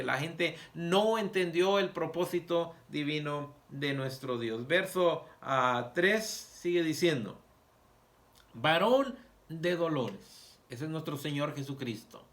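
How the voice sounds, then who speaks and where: A man preaching a Sabbath school lesson, reading scripture aloud with emphatic pauses and asking the congregation rhetorical questions. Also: sits high, pushed and bright. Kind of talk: sermon.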